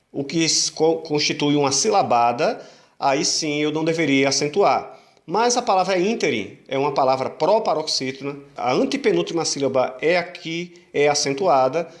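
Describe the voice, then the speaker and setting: Man teaching grammar, stretching syllables. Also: fairly high pitch. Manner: patient, repeats key rules and asks rhetorical questions; stretches syllables slowly to show stress. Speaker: Portuguese teacher. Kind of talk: online grammar lesson.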